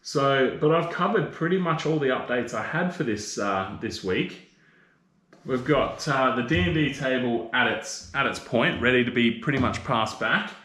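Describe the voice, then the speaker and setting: A man's voice: mid-range voice, normal speed, sharp tone. Laid-back Australian man, roomy echo. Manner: laid-back and rambling, teasing viewers with slang like mate and bro. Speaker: livestream host. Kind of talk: casual live chat with viewers.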